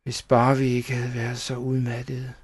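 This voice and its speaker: A man narrating a children's horror tale, reading at a steady, even storytelling pace. His delivery is plain, with no showy effects. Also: medium pitch, slightly rough.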